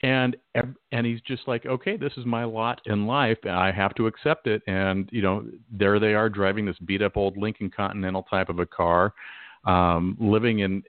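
A man hosts a casual radio chat, talking with stammering restarts and acting out little quotes. His voice sits a bit low and sounds dry and narrow, like a phone call. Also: no echo. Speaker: radio show host.

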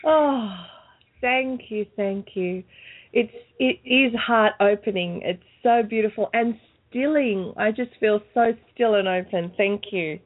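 A woman's voice: mid-range voice, slow pace. A woman radio host interviewing a guest in an effusive, easily laughing way. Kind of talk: conversational interview. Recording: tinny phone-line sound.

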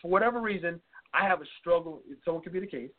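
Co-hosting a casual advice talk, a man with a high-pitched, fast voice chats conversationally and checks in with "okay?" as he goes. He tags his lines with "okay?" and "you know," and the audio is narrow and phone-like.

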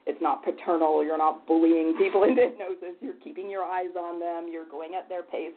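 A woman's voice: lowish voice, steady tone, fairly quick, slight background noise. A woman hosting an interview, chatty and leading, often laughing as she asks questions. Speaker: interview host and hypnotherapy trainer. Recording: tinny phone-like line.

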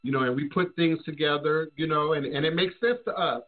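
Higher-pitched American male host, halting delivery. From United States. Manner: halting, repeats words as he reasons. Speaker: show host. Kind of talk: casual discussion. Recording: dull, lo-fi call audio.

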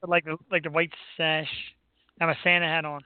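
An American man with a high voice hosts a casual talk show. He rambles along with playful bragging. The recording is dry and somewhat muffled. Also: little pitch movement, brisk, clean tone, no echo. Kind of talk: casual chat.

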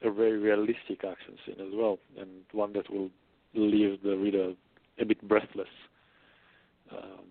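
A man with a low, gravelly voice explains his ideas with thought and frequent pauses. He sounds like a guest author in a casual interview. The recording is tinny and phone-like. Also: monotone, no echo. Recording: dry, phone-like line.

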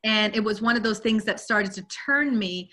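Bright-voiced woman telling her story. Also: medium pitch, moderate pace. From Guyana. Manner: candid, open storytelling with frequent "you know". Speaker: guest, spiritual teacher. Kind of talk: personal life story in an interview. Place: Virginia.

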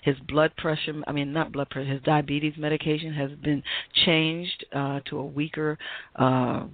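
A woman's voice: low-pitched, level tone, moderate pace, no echo. A woman host speaks over a tinny, phone-like line, with a dry and close sound. She rambles and searches for words, restarting her sentences as she builds a question. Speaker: host, psychologist. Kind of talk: casual interview talk.

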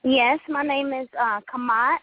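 A woman's voice: high-pitched, fairly even intonation, unhurried. A woman from North Carolina calling in to a radio show over a phone line, effusive and full of praise. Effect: heard over a phone line. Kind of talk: call-in chat. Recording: tinny dry phone line.

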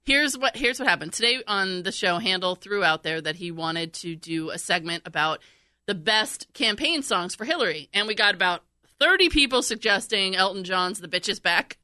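Chatty giggly woman cohost, bright high voice, dry studio. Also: lively intonation, normal speed, no echo. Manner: chatty, giggly, reads listener emails aloud. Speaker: radio producer and podcast co-host. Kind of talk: casual podcast chat. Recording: dry studio sound with faint music.

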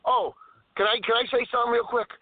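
A man's voice: very high voice, level tone, fast, dry recording. Man rambling over car speakerphone. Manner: rambling storyteller who keeps interrupting himself. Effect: car speakerphone call while driving. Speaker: caller on a live show. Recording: tinny dry phone line.

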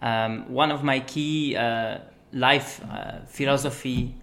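A man's voice: mid-range voice, slow pace, vocal fry. Young man, from Belgium, interview guest, casual, filler-heavy speech. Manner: relaxed, with frequent ums and uhs. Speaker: guest, management consultant.

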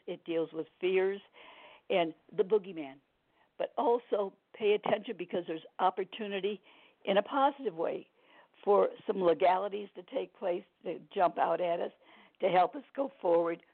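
A woman speaks with a gravelly, smoker-like rasp, her voice hoarse and strained. She talks in a plain, folksy, reassuring way, like a numerologist chatting on the radio. The sound is narrow and thin, as if down a telephone line. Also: medium pitch, normal speed. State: strained, hoarse from throat trouble. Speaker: numerologist guest on a radio show. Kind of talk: casual radio forecast chat.

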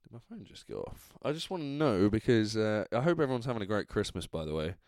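An Englishman hosts a casual solo podcast while drunk. His voice is fairly low and smooth, recorded close and dry. He rambles, breaking off and restarting his thoughts in a loose, chatty way. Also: huge pitch swings, fast talker, darkish tone, no echo. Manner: rambling, trailing off, self-interrupting. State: drunk, tipsy. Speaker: podcast host.

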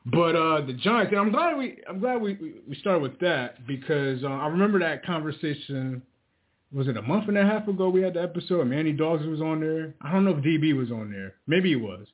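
A man co-hosting casual sports talk, loosely and haltingly working his way toward questions. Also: a little high, expressive. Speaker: sports show co-host. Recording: tinny phone-like line.

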